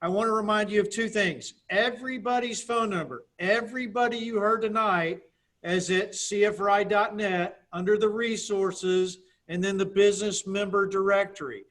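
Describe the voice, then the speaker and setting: Guy running a members meeting, high voice, easygoing and chatty. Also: steady tone, normal speed, fairly bright tone. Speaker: meeting moderator. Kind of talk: casual meeting hosting.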